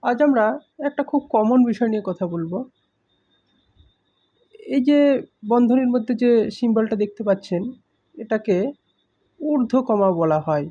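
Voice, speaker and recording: A man teaching a grammar lesson, explaining slowly with examples and stressing key words. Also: extremely high pitch, animated, warm tone. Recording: muffled lo-fi recording.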